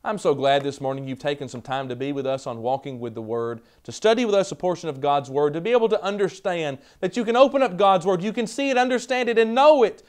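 A man in his thirties with a Southern American accent, preaching a televised sermon from a studio podium, building to loud emphatic repetitions. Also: a little high, clean tone. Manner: emphatic, rising to loud repeated declarations.

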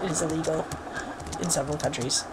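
A woman's voice: low-pitched, steady tone, quick pace, slight background noise, poor audio. A woman giving casual, jokey let's play commentary, exclaiming and muttering to herself as she plays.

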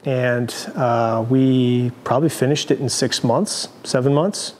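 A man in his forties shows a visitor around his big indoor garage workshop. He talks in an easygoing, rambling way, full of fillers and restarts, at a middling pitch. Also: measured pace, a little mellow, a little hiss or hum. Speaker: overland company founder giving a shop tour. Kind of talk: casual tour interview.

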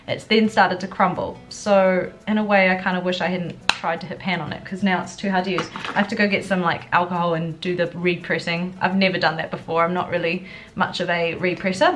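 Speaking in a voice on the low side with a fairly bright tone, a young adult beauty vlogger chats casually through a makeup tutorial. She sounds a little subdued, sick with a congested cold, indoors in her furnished living room while music plays behind her.

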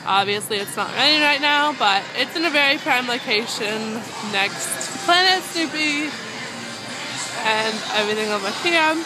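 A young woman with a slightly high, expressive voice chats her way through a theme park at normal speed, rambling with lots of ums. She films on a phone at arm's length, and the rough recording has music in the background.

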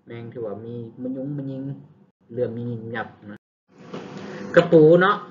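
A man's voice: medium pitch, a bit bright, highs cut off, a little hiss or hum. A man with a Lao accent teaching English words, saying each word several times before explaining it. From Laos. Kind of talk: vocabulary lesson.

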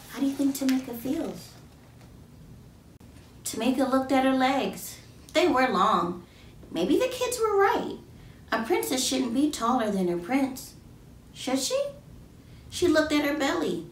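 A children's book author with a higher voice reads a picture book aloud for children in a small, plain indoor room. She reads expressively, drawing out her emphasis and asking questions of her young listeners. The recording is roomy, with a distant mic and faint background noise.

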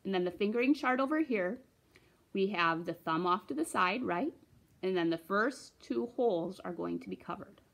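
A woman's voice: medium pitch, lively intonation, normal speed, vocal fry, a bit bright. A young woman giving a recorder lesson for children, patiently explaining and encouraging, counting her students in. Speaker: music teacher.

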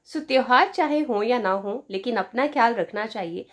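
A woman's voice: a little high, animated, moderate pace. A woman in her thirties with an Indian English accent, talking into the camera in a small room about a skincare kit, mixing Hindi and English and dropping in "you know" often. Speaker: beauty vlogger. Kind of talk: product review vlog.

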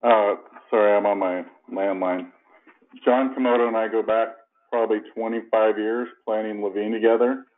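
Low-voiced man over a landline phone. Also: steady tone. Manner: measured, halting, with many fillers. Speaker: commissioner at a public planning hearing. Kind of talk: formal questioning at a public meeting. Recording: tinny landline phone line.

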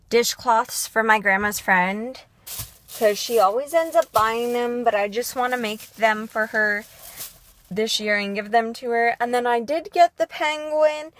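Young woman from Canada, vlogger, slightly high voice, rambling and chatty, unhurried. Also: fairly bright tone, a little hiss or hum. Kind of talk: casual video diary.

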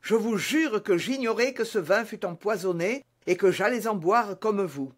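A man's voice: high voice, animated, moderate pace. D'Artagnan, read by a man, urgent and earnest. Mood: alarmed. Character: young male musketeer hero, impetuous.

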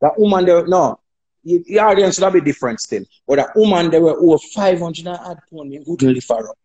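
A man with a Jamaican accent chatting on a phone livestream, telling animated stories, laughing and acting out dialogue. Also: on the high side, fairly quick, lo-fi sound. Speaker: dancehall artist on a live stream. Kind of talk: casual chat on a livestream.

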